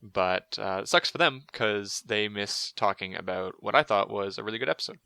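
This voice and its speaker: A man with a low, bright, forceful voice co-hosts a casual podcast chat. He rambles along with plenty of fillers and restarts. The sound is close and dry. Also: moderate pace, gravelly, smooth, no echo. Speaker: podcast co-host.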